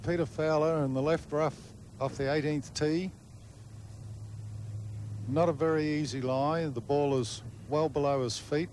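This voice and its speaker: A man giving live golf commentary, explaining play in measured, short phrases. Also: a little high, fairly even intonation, a little mellow, a little hiss or hum.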